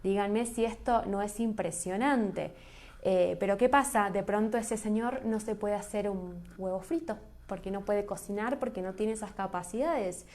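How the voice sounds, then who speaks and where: A woman's voice: medium pitch, darkish tone. A woman teaching a graphology class online, chatty and enthusiastic, answering chat questions as she goes. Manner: enthusiastic, chatty, loses her thread.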